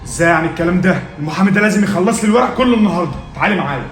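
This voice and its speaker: A man's voice: sits high, lively intonation, rapid-fire, roomy sound, over loud music. A man playing a cruel, greedy father in an amateur web drama, with demanding, threatening speech in an Egyptian Arabic accent. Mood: menacing.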